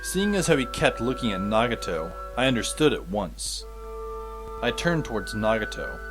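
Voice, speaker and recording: A man's mid-range, very animated voice, at normal speed and close to how he'd normally talk, plays a teenage schoolboy who is wry and exasperated. Music plays underneath as he gives scripted first-person narration, dry and sardonic, as narrator and lead actor in a fan audio drama.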